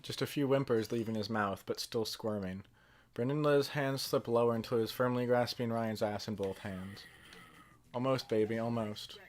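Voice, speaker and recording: A man reading a story aloud deadpan while gaming, with offhand asides. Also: mid-range voice, moderate pace. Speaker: fan fiction reader.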